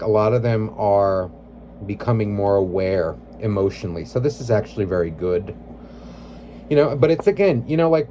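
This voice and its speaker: A man talks through a tarot reading in a low, dark-toned voice. He rambles, leaning on "like" and "you know", and speaks bluntly and with feeling. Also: a little hiss or hum. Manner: emotionally invested, blunt. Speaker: tarot reader.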